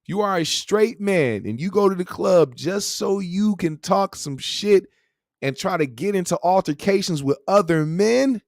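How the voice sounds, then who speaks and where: High-pitched man hosting, dry close sound. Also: animated, a little slow, creaky, a little mellow, no echo. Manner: slangy, profane, conversational. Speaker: host of a call-in show. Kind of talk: casual opinionated rant and chat.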